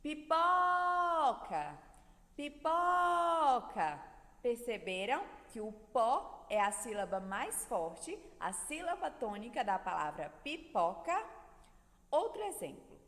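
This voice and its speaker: A woman's voice: mid-range voice, big pitch swings, a little slow, long reverb tail. A woman teaching young children in Brazilian Portuguese, drawing out syllables and stressing words in a sing-song way. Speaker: primary school teacher. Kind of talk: recorded video lesson for children.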